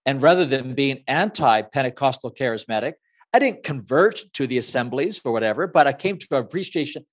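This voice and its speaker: A male author who grew up in Ecuador gives a reflective interview answer in a medium-pitched, animated voice. His delivery is measured and thoughtful, with many fillers, and the remote audio sounds lo-fi.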